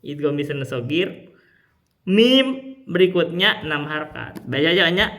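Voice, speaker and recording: Slow bright-voiced teacher. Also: male voice, on the high side, animated. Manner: slow, explanatory, demonstrates drawn-out recitation. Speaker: Quran recitation teacher. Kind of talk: tajwid lesson with recited examples.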